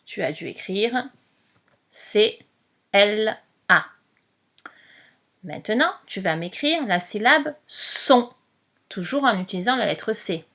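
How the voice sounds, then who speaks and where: A woman teacher reads a dictation at a very slow, deliberate pace. She patiently spells out each letter one at a time, her voice sitting at an ordinary middle pitch. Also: expressive, fairly bright tone.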